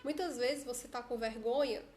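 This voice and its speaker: A woman's voice: a little high, moderate pace, a little mellow, slight background noise. A Brazilian woman with a chatty manner, coaching her followers in a casual live stream on her phone. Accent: Brazilian Portuguese. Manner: chatty, often adds tag questions. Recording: echoey room.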